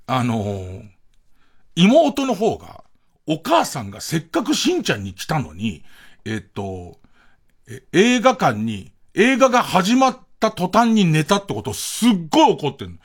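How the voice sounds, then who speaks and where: A man's voice: on the high side, breathy edge. A man hosting a late-night radio show, telling stories in a rambling, casual way full of fillers. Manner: casual, chatty. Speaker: radio host.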